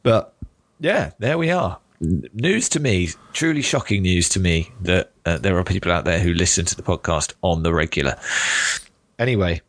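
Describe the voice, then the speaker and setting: A British man hosts a casual podcast in a deep, croaky voice. He sounds hoarse, as if nursing a winter throat. The recording is close and dry. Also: lively intonation, normal speed, dry recording. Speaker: podcast host.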